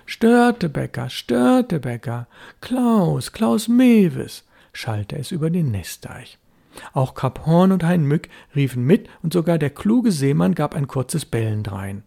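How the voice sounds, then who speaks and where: Male storybook narrator, steady calm read, gravelly, dark mellow tone. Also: fairly high pitch, measured pace.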